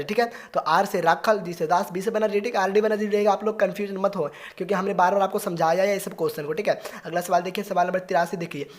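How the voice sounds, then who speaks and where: In a mid-range voice, an exam-prep teacher works through revision questions one after another, closing each answer with a repeated "okay, next question."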